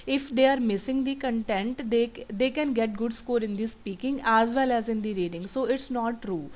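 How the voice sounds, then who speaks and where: Slow-speaking woman teaching. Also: a little high, darkish tone. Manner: switches between Hindi and English, explains step by step. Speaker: PTE exam coach. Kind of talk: teaching a test-prep lesson.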